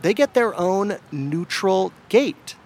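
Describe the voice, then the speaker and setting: A man's voice: high voice, slow pace, a little hiss or hum. A man hosting a radio show, narrating a story in a scripted, storytelling way. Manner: lively, storytelling delivery.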